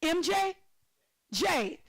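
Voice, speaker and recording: A woman with a very high voice leads a financial literacy workshop. She is lively and excitable, laughs often and calls on audience members by name as she teaches. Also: very slow, vocal fry, low-quality recording.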